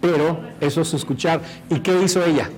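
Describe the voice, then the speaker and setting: A man's voice: on the high side, a little fast, rough recording. A man teaching a workshop on rapport, demonstrating and often asking the audience questions. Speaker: instructor.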